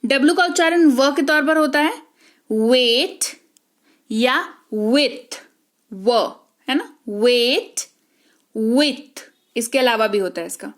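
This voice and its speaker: A woman teaches English phonics in an unhurried lesson. Her voice sits high. She draws out every example word slowly and keeps checking that the class is following. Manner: slow, drawn-out example words, frequent "ठीक है".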